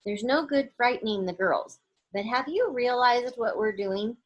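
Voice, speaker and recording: A woman's voice: fairly high pitch, animated, measured pace, lo-fi sound. A woman reading the part of a sulky, suspicious young boy in a storybook, with a needling, grumbling manner.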